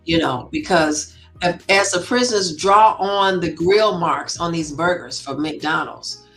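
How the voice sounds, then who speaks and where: A woman co-host in a casual discussion, speaking in a deliberate, affirming way. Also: fairly low pitch, a bit bright, faint music behind.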